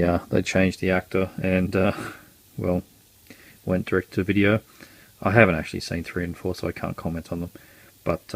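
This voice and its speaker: Aussie guy, deep gravelly voice, rambly and wry, lots of ums. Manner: rambling, many ums and uhs; wry, self-mocking. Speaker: collector vlogger. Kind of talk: casual show-and-tell.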